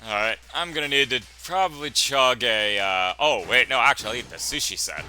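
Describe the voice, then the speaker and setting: A man doing casual let's play commentary, halting and stammering as he rephrases his thoughts. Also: medium pitch, animated, bright, forceful tone, faint music behind. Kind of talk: casual rambling game commentary.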